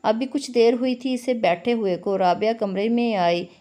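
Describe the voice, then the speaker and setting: A woman reading a romance novel aloud as narrator, with steady storytelling. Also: a little high, normal speed.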